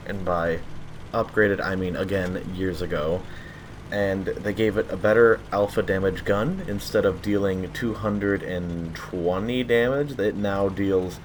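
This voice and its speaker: A man's voice: on the low side, a little hiss or hum. A man with a sore throat giving casual, rambling commentary over his tank game, often correcting himself. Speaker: gaming channel host.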